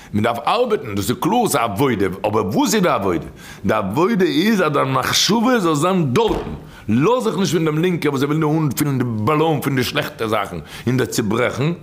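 A man preaches a storytelling sermon in a rough, gravelly voice of middling pitch. He repeats his key phrases again and again, leaning on them with emphatic swings up and down. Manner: repetitive, emphatic, with sudden rises and drops in pitch.

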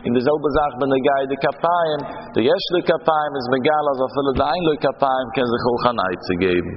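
A man's voice: medium pitch, brisk. A man giving a traditional Talmud lesson in a singsong study cadence, his phrases rising and falling. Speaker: Talmud teacher. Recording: dull reverberant hall recording with faint background noise.

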